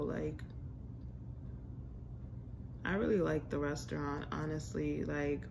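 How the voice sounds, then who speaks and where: A young American woman, a food vlogger, gives a chatty, slangy restaurant review straight to camera. Her voice is deep and creaky. Background noise fills the home room with a staircase where she's filming.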